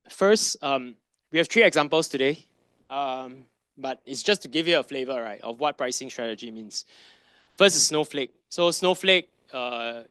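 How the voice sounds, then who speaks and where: Delivering a conference masterclass, this finance advisor keeps things conversational, posing rhetorical questions and frequently adding "right?" His medium-pitched voice is a bit bright and clean, with no room sound.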